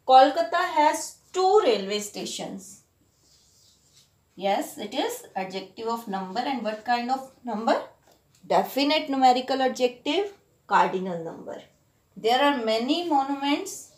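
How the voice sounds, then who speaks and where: Indian woman teacher, higher voice, patient explainer, keeps checking in with students, roomy echo. Ideal for school lesson reads. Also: expressive, a little slow, long pauses. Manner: explanatory, frequent "right?" checks, mixes Hindi into English.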